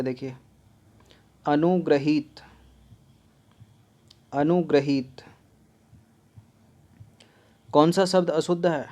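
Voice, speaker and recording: A man teaching an exam-prep grammar lesson, repeating words slowly and explaining each answer step by step. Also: fairly high pitch, warm tone. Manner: explains step by step, often says 'theek hai'.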